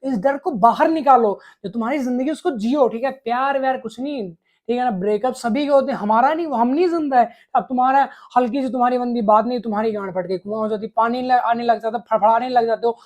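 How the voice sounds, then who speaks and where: This vlogger's extremely high-pitched voice moves at a fairly quick clip. He lectures the viewer bluntly and crudely about relationships, swearing throughout.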